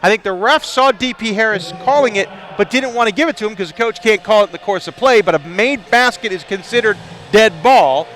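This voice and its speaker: A man calls a live basketball game from his arena broadcast seat. His voice sits high and rings bright. He chats and laughs easily between plays. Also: a little fast. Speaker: play-by-play commentator.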